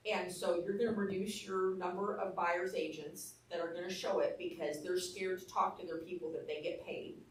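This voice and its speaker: A woman with a lowish, steady voice and an Arkansas accent teaches a real estate class at normal speed with few pauses. She tells candid stories in a blunt, down-to-earth way, recorded from afar in an echoey training room.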